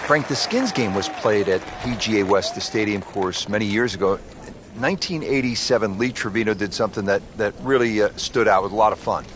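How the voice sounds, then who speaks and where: A man working as a golf commentator in a video game, with a measured, polished TV announcer delivery. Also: fairly low pitch, background noise, natural voice. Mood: composed, appreciative. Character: male TV golf commentator, composed and appreciative. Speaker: lead golf broadcast commentator. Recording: background music and crowd ambience.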